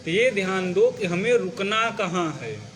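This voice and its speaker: A high-pitched man lectures a classroom on recitation. He explains step by step and keeps asking whether his students are following. A faint hum of noise sits behind his voice. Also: lively intonation, measured pace, a bit bright. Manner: patient, checks understanding with repeated questions; demonstrates phrasing by reciting example lines. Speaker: teacher of scripture recitation.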